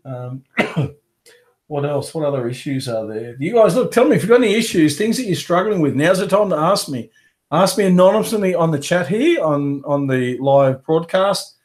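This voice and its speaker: Speaking from his home office during a live webinar Q&A, a carpet cleaning business coach sounds animated at a moderate pace, in a fairly high voice. A head cold leaves his voice fading, and his casual rambling is full of fillers and restarts.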